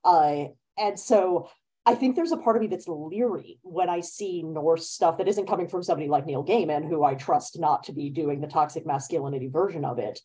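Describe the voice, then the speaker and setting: Over a laptop webcam mic, a mellow-voiced woman chats casually on a video call from her bedroom at home, in a low-quality recording. An author and event moderator, she has a deep, husky voice and talks fairly quickly, lively and laughing, speeding up when animated.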